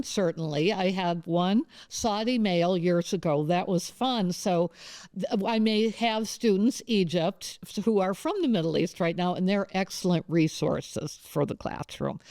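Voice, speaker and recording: A woman's voice: lowish voice, unhurried, a little mellow, no echo, clean studio sound. A woman professor interviewing a colleague, talking in a rambling, conversational way with many asides. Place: campus studio.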